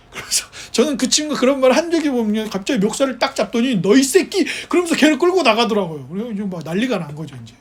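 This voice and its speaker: A man's voice: sits high, breathy edge. A male pastor giving a conversational sermon, telling stories with animation and asking the congregation rhetorical questions. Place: church service.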